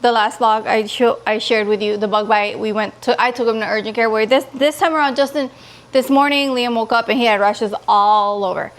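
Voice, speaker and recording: Expressive higher-pitched woman vlogger chatting. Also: fairly quick. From California. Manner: expressive, pleading and gushing, quotes others in dialogue. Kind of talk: casual chatty vlog.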